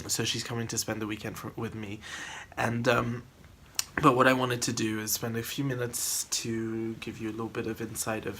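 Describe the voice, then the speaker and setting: A man's voice: mid-range voice, fairly bright tone, a little hiss or hum. A man from the Philippines hosting his cooking channel, chatting casually to a camera on a tripod, rambling with restarts and little laughs.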